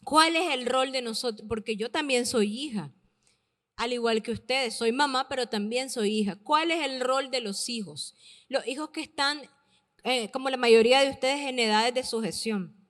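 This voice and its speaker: Female preacher, high pitch, emphatic and repetitive delivery, long hall reverb. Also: a bit bright. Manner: emphatic, repeats key words slowly for stress. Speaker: preacher addressing youth and parents. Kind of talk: sermon.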